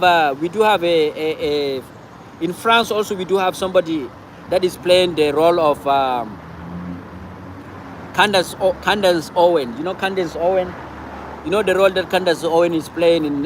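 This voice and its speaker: A man's voice: sits high, normal speed, noisy background. A man from Cameroon, hosting a casual livestream and talking back to viewer comments, often repeating himself. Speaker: livestream host.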